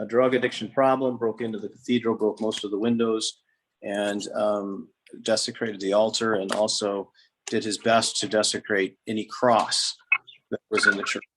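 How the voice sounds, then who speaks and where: Reverent, halting man guiding a cathedral tour. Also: mid-range voice, slight background noise, low-quality recording. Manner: halting, pausing mid-sentence. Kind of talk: informal guided tour narration. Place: inside a cathedral.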